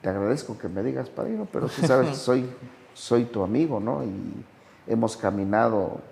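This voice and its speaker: A man, talking slowly and reflectively as a sponsor, telling anecdotes with big swings in pitch. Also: expressive, vocal fry, darkish tone, big-room sound. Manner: slow, measured delivery with dramatic pitch swings when telling anecdotes. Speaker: sponsor and podcast guest. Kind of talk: reflective conversational storytelling.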